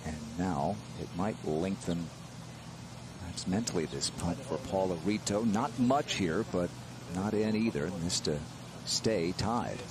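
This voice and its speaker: A man's voice: low-pitched, a little slow, background noise. A man working as lead announcer, giving live golf commentary on a broadcast.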